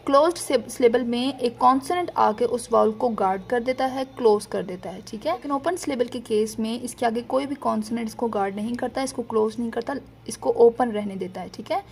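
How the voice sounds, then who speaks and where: A woman teaching a phonics lesson, slowly sounding out words syllable by syllable and checking in with her listeners. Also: a little high, vocal fry, a little mellow. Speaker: teacher presenting a parenting channel. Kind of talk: phonics lesson in mixed Urdu and English.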